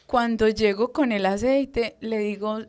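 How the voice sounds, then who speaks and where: A woman giving a personal testimony in an interview. She tells her story with lively storytelling and acts out the voices of others. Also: fairly high pitch, measured pace, smooth. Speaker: deliverance minister giving testimony.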